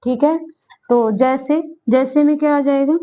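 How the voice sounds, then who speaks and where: A woman's voice: high-pitched, a little slow, warm tone, rough recording. A woman teaching a Hindi grammar lesson for exam preparation, who repeats her phrases and asks questions that she then answers herself, drawing out vowel sounds as she demonstrates them.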